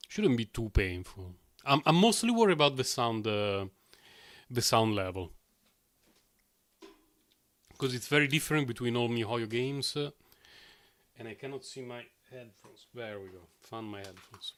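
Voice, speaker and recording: A man's voice: mid-range voice, expressive, unhurried, long pauses, fairly bright tone. A man chatting casually while live-streaming video games, rambling and often chuckling to himself. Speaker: game streamer.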